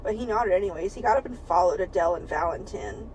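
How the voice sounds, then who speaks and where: A woman's voice: fairly low pitch, lively intonation, quick pace, a little mellow, a little hiss or hum, low-quality recording. A woman co-hosting a podcast, reading a book aloud for laughs, giggling often and swearing freely. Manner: giggly and profane, breaks into laughter while reading. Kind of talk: comedic read-aloud with banter.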